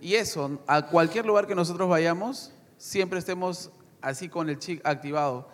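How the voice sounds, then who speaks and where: A man who went on a mission trip, sharing a testimony and exhorting the congregation, lively with some hesitations. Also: on the high side, normal speed. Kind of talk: church testimony and short reflection. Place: church hall. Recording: long hall reverb.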